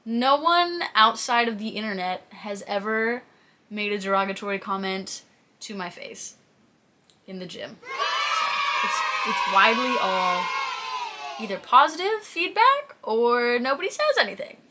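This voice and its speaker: Here a twenty-something fitness content creator talks casually to camera from a chair in a small, plain room, answering viewers' questions and performing her anecdotes. Her voice sits on the high side, sing-song and sharp, and she takes her time; there's slight background noise.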